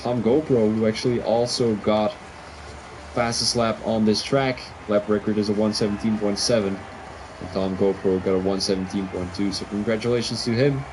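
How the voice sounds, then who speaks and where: A man from Belgium with a lowish voice and a Belgian accent commentates a live sim race in Dutch amid background noise. He's excitable and tends to doubt his calls right after making them.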